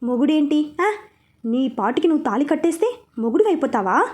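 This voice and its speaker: A woman's voice: high-pitched, very animated, fairly quick. A woman voicing a young wife who talks sharply and stubbornly. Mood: feisty. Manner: sharp, sulky, determined.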